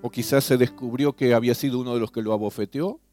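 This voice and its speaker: A man leading a guided devotional meditation, earnestly addressing the listener with questions, his voice swelling on key phrases and falling soft at line ends. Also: medium pitch, fairly even intonation, fast. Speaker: preacher. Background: soft guitar music.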